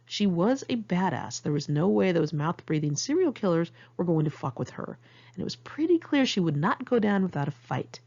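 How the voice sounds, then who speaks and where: A woman reads her own memoir aloud in a fairly low, darkish voice with vocal fry and a sing-song lilt, at normal speed. Her delivery is candid and conversational, like an amateur audiobook in one take, on a muffled lo-fi recording.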